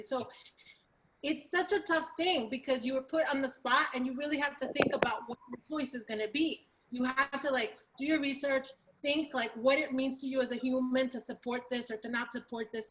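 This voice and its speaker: Chatty woman on a video call, high bright voice, throws in spanish bits. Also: poor audio. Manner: chatty and animated, drops in Spanish phrases. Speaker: class participant and panelist. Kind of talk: casual chat.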